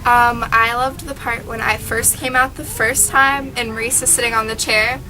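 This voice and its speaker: Bright-voiced teenage girl, hesitant. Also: on the high side, flat delivery, moderate pace, slight background noise, low-quality recording. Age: teens. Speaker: high school actor. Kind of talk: casual interview.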